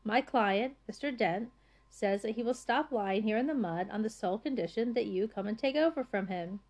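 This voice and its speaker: A woman's voice: a little high, a little mellow. A woman doing a breezy, bossy young man. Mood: brisk. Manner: brisk and cheerfully bossy. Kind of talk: audiobook character voice.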